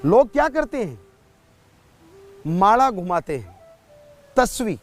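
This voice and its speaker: A male preacher gives a sermon in an unhurried, measured storytelling manner. His voice is high and he speaks slowly. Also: very animated, soft background music. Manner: slow, measured, storytelling delivery. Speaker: spiritual preacher.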